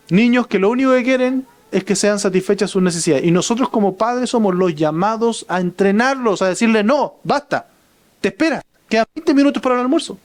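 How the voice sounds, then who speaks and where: A man with a Chilean Spanish accent, preaching a sermon as pastor and often turning to the congregation with "brother" and "right?". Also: high voice. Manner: addresses listeners as brother, asks "right?".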